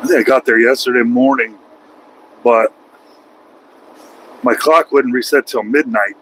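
An American man in his forties talks his way through a night drive in his truck cab, rambling and poking fun at himself. His voice sits at an ordinary middle pitch, and a faint hum of road and engine noise runs underneath. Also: steady tone, a little slow, a bit bright, low-quality recording. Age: 40s. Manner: rambling, self-mocking, joking. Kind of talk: casual vlog monologue while driving.

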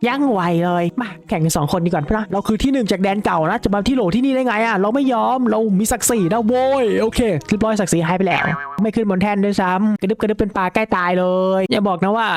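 A young man giving casual, excitable commentary as he plays a video game, exclaiming and joking as he goes. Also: sits high, fast talker, few pauses. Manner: excitable, exclaims and jokes while playing. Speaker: gaming video creator.

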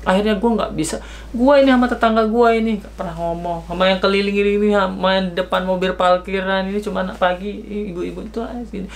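A young man from Indonesia, telling a story in a casual vlog, slangy and animated, acting out the people in it. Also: high-pitched, fast, creaky. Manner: slangy, animated, acts out quoted dialogue. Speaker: vlogger.

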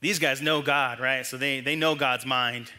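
Chatty bright-voiced young man preaching. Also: mid-range voice, steady tone. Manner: chatty, joking, quick asides to the room; acts out the friends' lines in a mocking tone. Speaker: youth pastor. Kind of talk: casual youth sermon.

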